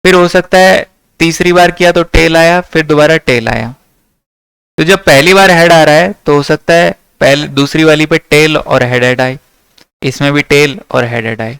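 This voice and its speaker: Young male maths tutor, smooth clear voice, a little high, dry close sound. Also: steady tone, normal speed, a bit bright, no room sound. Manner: checks in with the class often. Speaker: maths teacher. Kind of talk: classroom lecture.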